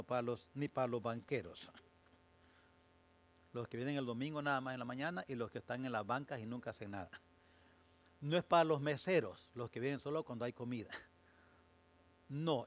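In a sermon, a pastor moves from calm, measured explanation into slow, forceful, impassioned statements. He speaks in a mid-range voice.

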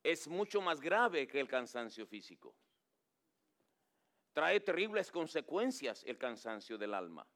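A pastor preaching a sermon, swinging between raised pleading and hushed, low endings. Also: male voice, big pitch swings, measured pace. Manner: preaching with dramatic drops to a low hush; acts out pleading quotes in a raised voice.

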